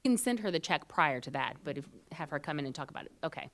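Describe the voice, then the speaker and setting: A woman's voice: deep voice, lively intonation, fast, a bit bright, a little hiss or hum. A woman serving as city manager, giving a matter-of-fact report to a city council with frequent ums. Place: council chambers.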